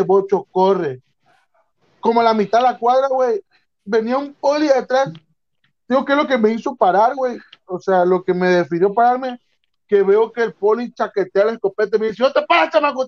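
Slangy young man telling a story. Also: very high voice. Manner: slangy, animated, acts out voices in his story. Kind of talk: casual storytelling chat. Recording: dull lo-fi sound.

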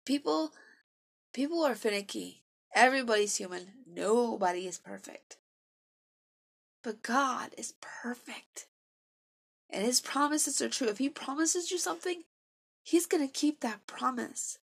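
Slow gravelly-voiced woman sharing testimony. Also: fairly high pitch, expressive. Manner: earnest, emotional, self-deprecating. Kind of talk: personal faith testimony.

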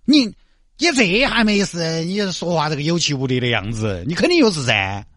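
A man's voice: fairly high pitch, big pitch swings, normal speed, a bit bright, no echo, studio quality. A man voicing a kindly, fussing middle-aged bus driver with a Sichuanese accent who coaxes and chatters. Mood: coaxing.

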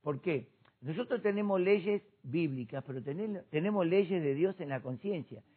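A man, a pastor discussing faith with impassioned preaching that rises to shouts. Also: on the high side, animated, moderate pace, husky. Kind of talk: church discussion program. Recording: tinny phone-like sound.

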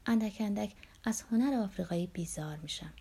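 A woman's voice: mid-range voice, warm tone, husky. A woman narrating an audiobook in the first person with wry, dry irony. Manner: wry, dryly ironic first-person storytelling.

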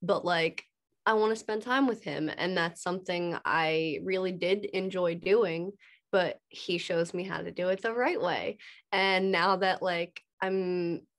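A woman's voice: fairly low pitch, a little slow. A young woman chatting in an interview, talking earnestly with lots of casual fillers. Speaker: guest.

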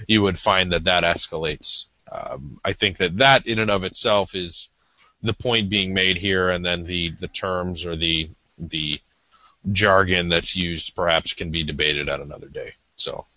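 A man's voice: sits low, steady tone, unhurried, pushed and bright, no room sound. A man co-hosting a podcast in casual, discursive talk, hesitant and self-deprecating as he feels his way through explanations. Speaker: podcast co-host. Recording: slightly dull lo-fi audio.

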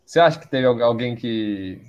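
A man from Brazil chats about football, relaxed and slangy. His voice sits at a middling pitch and his questions come easily. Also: moderate pace, clean tone, dull audio. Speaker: podcast co-host. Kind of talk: casual football chat.

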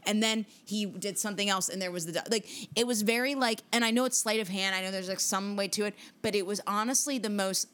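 A woman's voice: mid-range voice, fast, few pauses, fairly bright tone. A woman co-hosting a casual podcast chat, telling a story with energy, swearing freely and acting out what people said. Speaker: podcast co-host.

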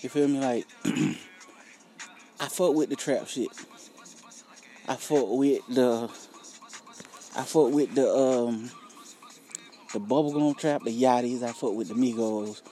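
A man's voice: mid-range voice, slow, pauses often, warm tone, slight background noise. A young man chats casually to viewers in a laid-back, slangy, profanity-laced way, often checking for agreement. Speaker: rapper promoting own music. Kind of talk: casual solo vlog chat.

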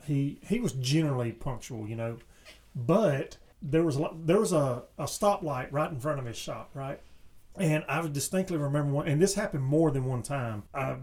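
A man who co-hosts a podcast, telling an anecdote in a casual, animated way. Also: a little high. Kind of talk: casual storytelling.

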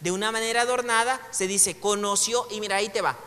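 High, bright Mexican man teaching a class. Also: fast. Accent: Mexican Spanish. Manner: conversational, joking asides, reads passages aloud. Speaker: Bible teacher. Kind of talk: casual classroom lecture. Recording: long hall reverb.

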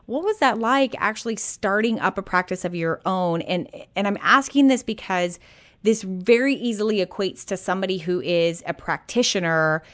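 A woman's voice: medium pitch, normal speed, fairly bright tone. A North American woman hosting a podcast in an informal, effusive and emphatic conversational way. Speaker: podcast host.

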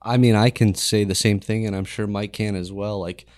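A man's voice: lowish voice, steady tone, moderate pace, darkish tone. A man hosting a studio podcast, asking friendly questions to prompt his guest. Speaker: podcast host. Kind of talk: casual interview chat.

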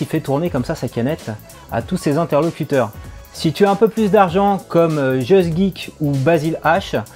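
A man's voice: on the high side, a little mellow. Chatty male tutorial host, light music behind. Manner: chatty, addresses viewer directly, some hesitations. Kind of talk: casual tutorial talking to the viewer.

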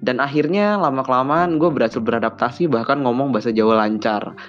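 Telling casual personal stories on his podcast, this young man from Bandung, West Java, Indonesia, uses easy Jakarta slang and jumps to higher voices when acting out childhood dialogue. He talks fairly quickly at a middle pitch; the sound is slightly dull, with soft background music.

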